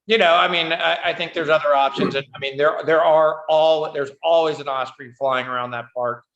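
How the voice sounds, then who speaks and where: A man's voice: on the high side, fairly even intonation, fairly quick, a bit bright. A man speaking as a council member at a city meeting, rambling loosely with many fillers. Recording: echoey, dull room sound.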